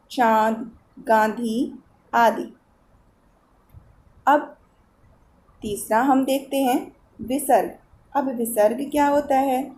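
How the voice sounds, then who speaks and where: A woman's voice: sits high, dark tone, a little hiss or hum. A woman teacher explaining a Hindi grammar lesson to children, patiently asking questions as she goes. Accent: Eastern Uttar Pradesh Hindi. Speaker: school teacher.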